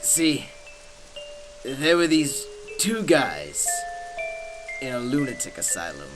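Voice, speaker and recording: An actor playing a manic, mocking supervillain clown in a radio drama, theatrical and halting, prone to giggles. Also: male voice, mid-range voice, big pitch swings, low-quality recording. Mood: amused storytelling. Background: music.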